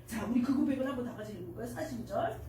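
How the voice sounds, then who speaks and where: Woman pastor, emotional sermon, high-pitched, echoey church hall. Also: animated, rapid-fire, warm tone, distant mic. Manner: emotional, tearful at moments, addresses congregation with questions. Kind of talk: sermon to children. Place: church sanctuary.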